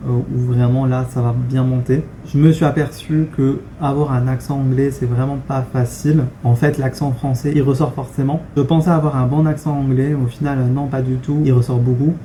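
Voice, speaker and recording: A young man from France talks straight to camera in a relaxed, frank way, often pausing on fillers. His voice is very dark and mellow, and his melody stays fairly flat. A faint hum of ambient noise sits under the recording. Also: medium pitch. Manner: conversational, frank, many fillers and restarts. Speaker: vlogger. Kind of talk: casual talking-head vlog.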